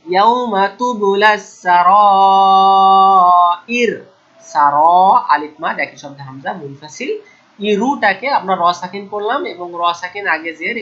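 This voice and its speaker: Male Quran teacher from Bangladesh, slow drawn-out recitation mixed with brisk explanation, slightly muffled lo-fi sound. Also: on the high side, pushed and bright. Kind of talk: tajweed recitation lesson.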